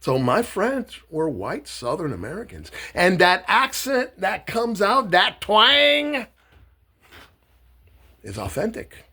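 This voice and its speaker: Slow-talking man from Miami, mocking rant. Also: high-pitched, wildly swooping pitch, pushed and bright, slightly rough. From Miami, Florida. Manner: blunt, mocking, swears freely; loose and halting, with fillers. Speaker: political satire vlogger. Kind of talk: profane political rant and monologue.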